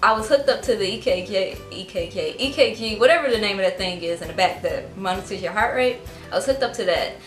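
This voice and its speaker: A woman's voice: mid-range voice, quick pace. Young woman, casual storytelling, filler-heavy, roomy echo, faint background music. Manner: chatty, lots of fillers like "like" and "um". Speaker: vlogger.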